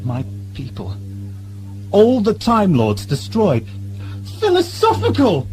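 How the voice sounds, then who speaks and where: A man's voice: high-pitched, huge pitch swings, takes it slowly, soft background music, heavily acted, poor audio. A man playing a bitter, suspicious time-travelling alien, theatrical and brooding, in an audio drama. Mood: angry, agitated. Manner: theatrical, brooding, erupting into shouts.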